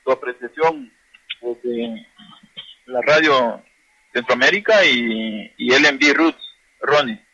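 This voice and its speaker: A man teaching a language class, slowly repeating and drilling words for his listeners. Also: mid-range voice, sharp tone, breathy edge, highs cut off. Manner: slow, repetitive drilling of words.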